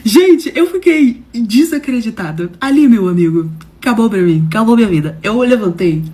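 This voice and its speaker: A woman telling a personal story to her viewers, animated and dramatic, with slangy phrasing and swings between loud and soft. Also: on the high side, moderate pace. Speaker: storyteller host. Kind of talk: casual storytelling to camera.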